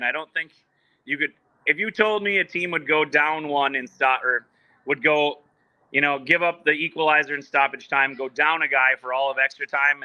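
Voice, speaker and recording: A man with a fairly high, sharp-toned voice talks casually on a video call from a soccer club's training ground, in a low-quality recording. The remote interview finds him rambling, full of fillers and restarts.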